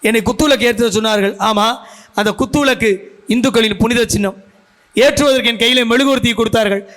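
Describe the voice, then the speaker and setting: High, bright-voiced man orating on stage. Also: fast talker. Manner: storytelling orator who asks the audience questions. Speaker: debate speaker giving a guest speech. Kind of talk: stage speech at a school function. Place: school function venue.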